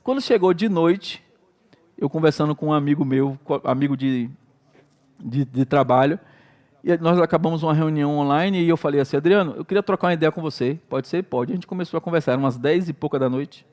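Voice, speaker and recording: A pastor with a Brazilian Portuguese accent preaching in a conversational way. He tells personal stories and acts out his own prayers and outbursts with animated delivery. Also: on the high side, a little fast. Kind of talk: sermon with personal storytelling.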